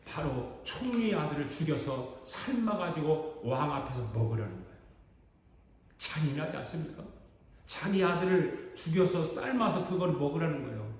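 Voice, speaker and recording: A man's voice: fairly high pitch, normal speed. A man, a pastor, telling a story dramatically during a sermon in a church sanctuary. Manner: animated, dramatic retelling. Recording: echoey church hall.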